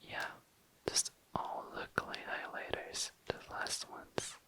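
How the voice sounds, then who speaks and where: For an ASMR video, a woman narrates a craft session in a soft, breathy, unvoiced whisper. She takes her time and repeats phrases.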